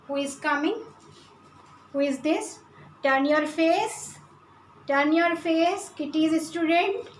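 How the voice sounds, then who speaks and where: A bright, high-pitched woman with an Indian accent leads a phonics class for young children. She spells each word out slowly and carefully, switching between English and Hindi. The room is echoey, with faint noise behind her. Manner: slow, deliberate spelling out of sounds and letters. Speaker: kindergarten teacher. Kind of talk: online phonics lesson for small children.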